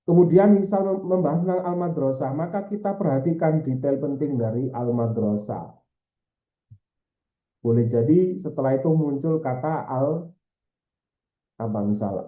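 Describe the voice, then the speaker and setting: A man with an Indonesian accent talks students through exam tips in a loose, hesitant way, often pausing on fillers. His mid-pitched voice sounds a bit dull and sits in a roomy, echoing space. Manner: hesitant, many fillers and repeated tags. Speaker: Arabic language tutor. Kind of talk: informal exam-prep lesson.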